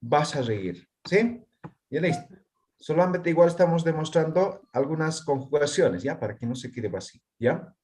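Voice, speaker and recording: A man's voice: fairly high pitch, animated, moderate pace, a little mellow. Man teaching and quizzing a class. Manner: constantly checks understanding with tag questions; quizzes students on meanings. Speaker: language teacher. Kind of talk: online class.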